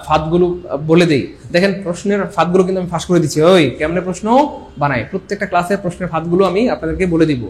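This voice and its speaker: A man's voice: sits high, slight background noise. A man with a Bangladeshi accent teaching an online exam-prep English class, repeating points and coaxing students to comment.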